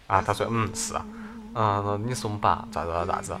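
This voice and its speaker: A man's voice: lowish voice, fairly even intonation, fast, background noise. A man with a Sichuanese accent hosting a casual chat in a joking, teasing way. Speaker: talk show host. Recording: prominent music behind the talk. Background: music.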